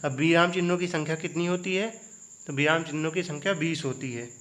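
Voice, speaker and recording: A man's voice: on the high side, brisk, a bit bright. A young male teacher giving an exam revision lecture, putting questions to the students and then answering them himself. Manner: asks students rhetorical check questions.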